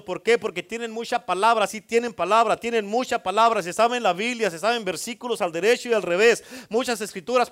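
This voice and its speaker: Male pastor, fiery preaching with a high voice. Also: fairly bright tone. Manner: fervent preaching with rising intensity, joking asides. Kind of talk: sermon.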